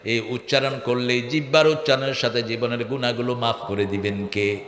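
Rousing preacher in an echoey hall. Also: male voice, mid-range voice, steady tone, normal speed, fairly bright tone. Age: older. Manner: rousing, calls and responses with crowd, chants verses. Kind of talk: Islamic sermon (waz). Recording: echoey hall with long reverb.

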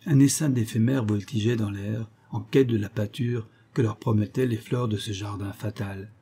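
Guy narrating an audiobook, calm expressive reading, kinda husky. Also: fairly low pitch, normal speed. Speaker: audiobook reader.

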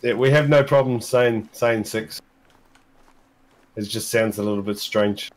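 A man's voice: on the low side, a little slow. A man from New Zealand with a New Zealand accent, chatting casually and joking on a hunting game stream. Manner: joking, laughs often. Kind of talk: casual gaming chat.

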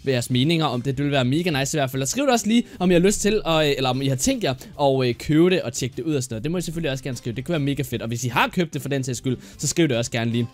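A man giving casual gameplay commentary for his channel, chatty and excitable, often trailing off into fillers and restarts. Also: mid-range voice, hardly any pauses. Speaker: YouTuber.

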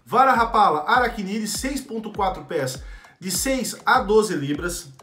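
A man's voice: high-pitched, animated, unhurried, sharp tone. A young man hosting a fishing shop channel, chatting casually to camera about his gear and often checking in with viewers. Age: young adult. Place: indoor studio in front of a rod rack. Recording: echoey room with faint music.

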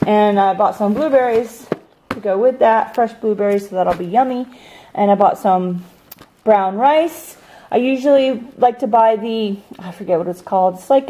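Seated at a table of groceries at home, a married vlogger rambles casually through her haul to a handheld camera, filling pauses with many ums. She's an adult with a medium-pitched, dark-toned voice, heard over slight background noise in a low-quality recording.

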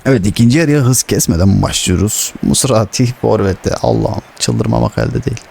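A young man commenting on his own football video game, swearing and shouting at the players. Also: fairly low pitch, normal speed, vocal fry, slight background noise. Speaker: gaming streamer.

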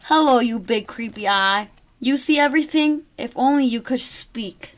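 A woman's voice: fairly high pitch, moderate pace, natural voice. A woman voicing a bossy, shifty male bear detective who blusters and accuses, reading a storybook to a toddler. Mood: suspicious.

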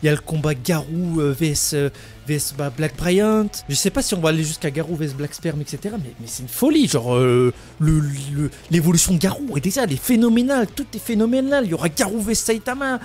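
A French anime YouTuber in his twenties rants in a video review, his voice on the high side, fast, darkish and lively in intonation over soft background music. He's indignant and exasperated, packing in slang and swearing.

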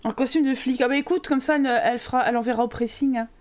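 A woman's voice: sits high, fairly even intonation, racing. A woman streaming a life-sim game, joking crudely and talking to the characters on screen. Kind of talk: casual gameplay commentary.

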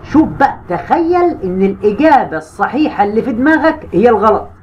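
A man with an Egyptian Arabic accent teaching a high school grammar lesson online, slowing down to stretch key words and talking straight to his students in a teasing, coaxing way. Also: big pitch swings, dull audio, a little hiss or hum.

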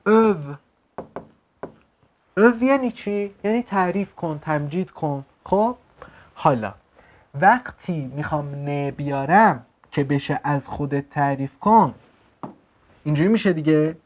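A man teaching an online language lesson, explaining words slowly and checking in with quick questions. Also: on the high side, expressive. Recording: slightly dull lo-fi sound.

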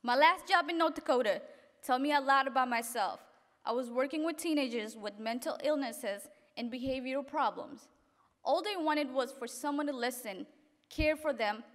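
A young woman from Africa reading a graduation speech at a podium in an event hall, earnest and halting at times. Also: high voice. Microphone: podium microphone. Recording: reverberant hall.

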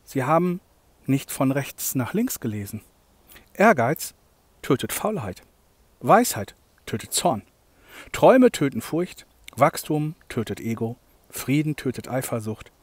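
A man hosting a motivational podcast monologue, talking emphatically, swinging between loud and soft and often checking in with "ja?". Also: medium pitch, sing-song, a little slow, pauses often, slightly rough, dry recording. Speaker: podcast host, coach.

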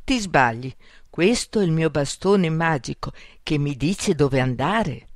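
Storybook: woman playing a small scared boy, polite, high little voice; dry. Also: expressive, unhurried, no echo.

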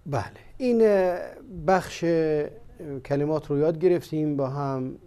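A man teaching vocabulary in a language lesson, explaining slowly with many pauses and fillers. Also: on the high side, dark tone, smooth. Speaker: Arabic teacher. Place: studio.

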